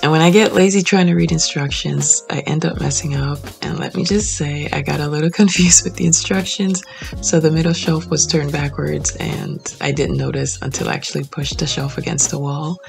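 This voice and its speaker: Young woman, low voice, gravelly edge, chatty home vlog, faint music underneath. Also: normal speed. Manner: chatty, relaxed, with fillers and soft laughs. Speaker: home makeover vlogger. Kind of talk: casual vlog voice-over. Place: small home office indoors.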